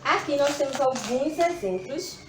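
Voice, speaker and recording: A woman's voice: sits high, expressive, measured pace, slight background noise. A woman teacher giving a children's lesson, patient, sounding words out syllable by syllable. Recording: echoey room with faint ambience.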